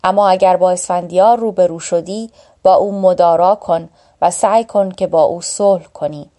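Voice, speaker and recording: A woman's voice: on the low side, steady tone, mellow, close to an everyday voice. A woman reading the lines of a wise mythical giant bird in a storybook tale, in a solemn, instructive way.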